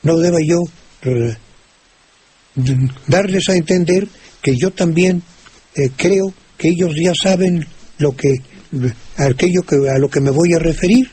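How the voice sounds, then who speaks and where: An older man with a Mexican Spanish accent, explaining word usage on a radio call-in show, slowly, with many restarts and fillers. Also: a little high, mellow. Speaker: language expert answering listener questions. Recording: old radio recording with faint hiss.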